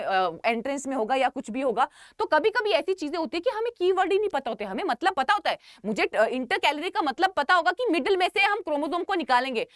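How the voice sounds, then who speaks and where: Woman teacher, animated up-and-down voice, dry close sound, repeats key words. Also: fairly high pitch, no echo. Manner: repetitive, emphatic, addresses students as children. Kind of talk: online lecture.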